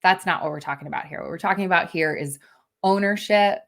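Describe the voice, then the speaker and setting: A woman's voice: lowish voice, quick pace. A woman coaching teams in a live online workshop, talking casually and upbeat, often tagging her points with "right?". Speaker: team coach presenter.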